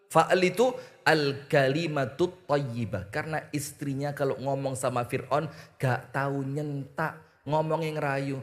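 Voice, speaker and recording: A man with an East Javanese accent and a medium-pitched voice preaches a humorous sermon a little slowly, teasing his audience and mimicking voices. The recording echoes with the reverb of a hall.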